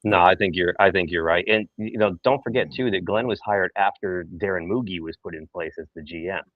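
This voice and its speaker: A man's voice: deep voice, fairly quick, narrow, tinny audio. A tired man in a hotel room, rambling through casual sports chat with a bag over his head. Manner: rambling, many fillers and restarts. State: tired, early morning. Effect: talking with a bag over his head. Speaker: podcast co-host.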